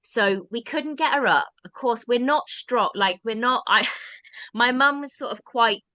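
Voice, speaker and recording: A woman's voice: on the high side, unhurried, pushed and bright, no room sound. A British woman, a podcast guest, telling a personal story in a rambling, casual way with many restarts. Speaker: guest, drama workshop founder.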